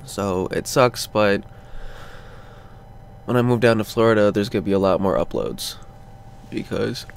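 A man's voice: on the low side, a little slow, creaky, a little hiss or hum. A man who just woke up, talking drowsily and rambling through a casual vlog update from a cold room at home. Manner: drowsy and rambling, lots of ums and sighs. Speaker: vlogger.

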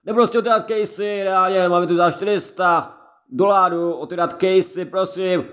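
High-voiced chatty gaming man. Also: steady tone, fairly bright tone. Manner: chatty, repetitive, keeps addressing viewers. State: has a head cold. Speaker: gaming let's-play creator. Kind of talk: casual gameplay commentary.

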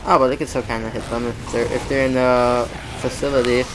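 A gamer offers casual let's-play commentary on a shooter game, excitable and self-mocking, talking to the game and repeating words in bursts. His voice is medium-pitched and fairly quick, with a noisy background.

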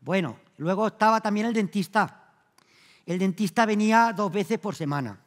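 High-voiced man telling jokes on stage. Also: moderate pace. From Spain. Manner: acts out the joke characters in raised, louder voices. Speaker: stand-up comedian. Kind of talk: comic monologue telling jokes. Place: theatre stage before an audience. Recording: long reverb of a theatre hall.

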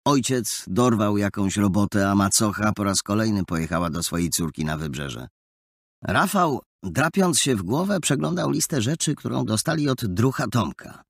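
A man narrating an audiobook in a lively, expressive storytelling manner, close to the mic. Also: lowish voice, moderate pace, gravelly, breathy edge, dry recording. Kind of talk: scripted narration.

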